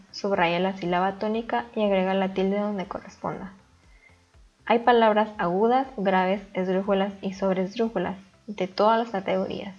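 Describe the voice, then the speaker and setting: A woman teacher explaining a lesson calmly and step by step in a voice-over. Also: medium pitch, lo-fi sound. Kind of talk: recorded grammar lesson.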